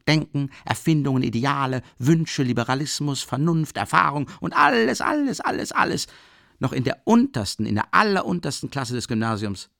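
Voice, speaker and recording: A man reading an audiobook and voicing a drunk, excitable young man who rants fervently and loudly. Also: medium pitch, gravelly, no room sound, studio quality, pitched above the performer's own voice. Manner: fervent, ranting, shouting.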